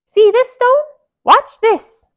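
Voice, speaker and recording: A woman voicing a small, plucky male cartoon mouse hero in a storybook, squeaky, cheeky and daring. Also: slow, fairly bright tone, exaggerated voice. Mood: challenging. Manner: squeaky, chirpy, challenging. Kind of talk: children's storybook character voice.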